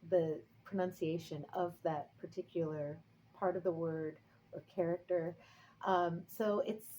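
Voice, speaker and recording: A woman's voice: on the low side, mellow, a little hiss or hum, rough recording. A woman whose first language is English, teaching a casual lesson in a chatty, upbeat way and singing out example tones. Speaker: language and tai chi teacher.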